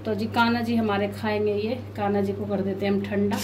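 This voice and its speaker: A woman's voice: medium pitch, flat delivery, brisk, recorded from a distance, background noise. Chatty woman vlogging at home, echoey. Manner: chatty, often addresses viewers as guys. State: mouth ulcers, speaking slowly. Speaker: family vlogger. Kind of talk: casual home vlog chat.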